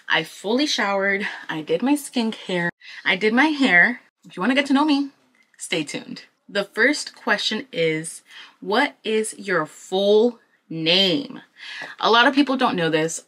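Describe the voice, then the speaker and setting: This vlogger is an Anaheim woman in her 20s, speaking at a medium pitch with a Southern California accent. Her get-ready-with-me talk is chatty and slangy, and she livens up when repeating what other people said.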